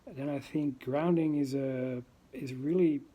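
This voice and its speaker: This first-time vlogger is a Dutch-accented man from the Netherlands, speaking to camera without a script and hesitating over words with many ums and uhs. He has a mellow, medium-pitched voice and an unhurried pace.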